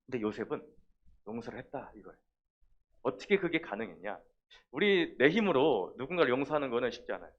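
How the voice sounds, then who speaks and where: A man preaching a children's sermon in a lively way, talking straight to the kids and acting out little scenes. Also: mid-range voice, fast. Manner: lively, talks directly to the children and acts out quotes. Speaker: children's pastor. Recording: dull lo-fi sound.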